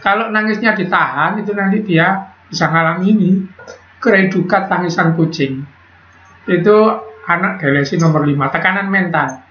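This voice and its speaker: A man's voice: sits high, a bit bright, slight background noise. A man teaching a biology class in a chatty lecture style, quizzing students and joking as he explains. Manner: chatty, asks students questions, jokes. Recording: echoey room, dull lo-fi sound.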